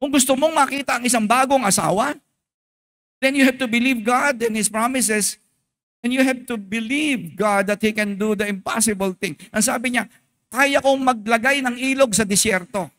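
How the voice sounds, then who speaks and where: High-voiced Filipino man preaching. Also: normal speed. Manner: mixes English with Tagalog, asks the congregation questions; emphatic, animated preaching. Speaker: pastor. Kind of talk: sermon.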